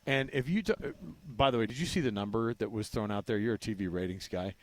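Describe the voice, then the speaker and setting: Speaking quickly in a lowish voice, this American sports radio co-host keeps things casual and animated. He leans on repeated phrases and frequent rhetorical questions for emphasis, and the sound has no echo.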